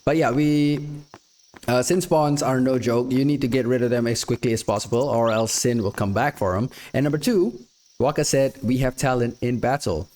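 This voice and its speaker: A man with a nasal, croaky voice, sick but chatty, rambling through casual gameplay commentary. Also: medium pitch, brisk, a little mellow. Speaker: gaming youtuber.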